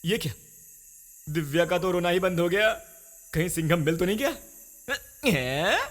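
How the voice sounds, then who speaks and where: An actor voicing an impatient young man who teases and grumbles in a lively way. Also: high-pitched, normal speed. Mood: exasperated, teasing. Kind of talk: Hindi film dub acting. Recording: film dub with music. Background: film music.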